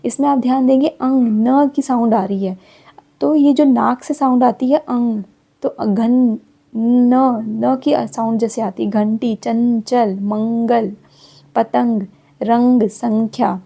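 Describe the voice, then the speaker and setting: Slow-explaining woman teacher, gravelly and husky. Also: fairly high pitch, steady tone, dark tone. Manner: explaining step by step, repeating example words slowly. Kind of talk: Hindi grammar lesson.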